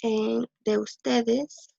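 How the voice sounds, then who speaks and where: A woman speaks slowly and patiently as she teaches a language lesson, pausing to think aloud and repeating words for her listeners. Her voice is husky with a gravelly edge, a little high for a woman. The recording is dull, lo-fi and dry. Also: little pitch movement, warm tone.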